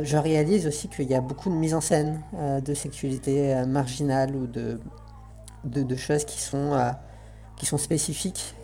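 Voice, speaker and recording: A woman's voice: low-pitched, warm tone. A woman talking through a voice changer, giving an earnest, reflective spoken essay on roleplaying games and searching for her words.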